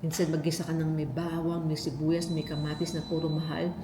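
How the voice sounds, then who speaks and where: This food vlogger from the Philippines speaks in a low voice with little pitch movement, a little fast, carrying a Filipino accent. She chats with viewers while eating, code-switching between languages through a casual food haul and mukbang. The recording is reverberant, with background noise.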